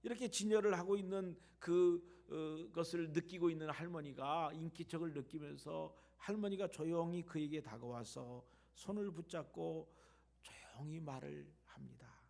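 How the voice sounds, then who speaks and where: Gravelly-voiced Korean pastor preaching. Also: male voice, fairly high pitch, normal speed. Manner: storytelling, swings from loud emphasis to hushed near-whispers. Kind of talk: sermon. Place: church.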